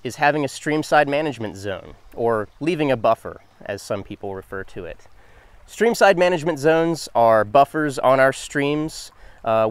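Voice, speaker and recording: A man's voice: medium pitch, clear, resonant tone, no room sound. Young man explaining water quality. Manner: informative, explanatory, with frequent "uh" fillers. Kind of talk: on-site educational explanation. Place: outdoors standing in a stream.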